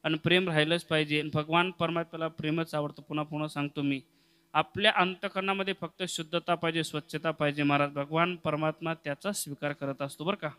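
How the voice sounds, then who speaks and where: A man's voice: fairly high pitch, fairly even intonation, fast talker, pushed and bright, clean tone. A man preaching a devotional kirtan, telling stories and breaking into sung verses, with asides to the audience. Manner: storytelling sermon broken by sung verses; addresses the audience directly with asides.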